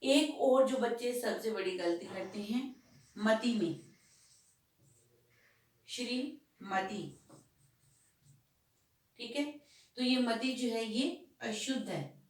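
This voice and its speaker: A woman's voice: a little high, lively intonation. A woman teaching a school Hindi lesson, explaining patiently and asking questions that she answers herself. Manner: slow, patient, asks and answers her own questions. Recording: echoey room, voice from a distance.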